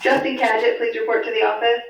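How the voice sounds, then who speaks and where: A woman from the school office making a brisk, matter-of-fact announcement over the school intercom. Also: a little high, level tone, roomy sound, a little hiss or hum. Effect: over a school intercom loudspeaker. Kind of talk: public address announcement. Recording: distant loudspeaker in a classroom.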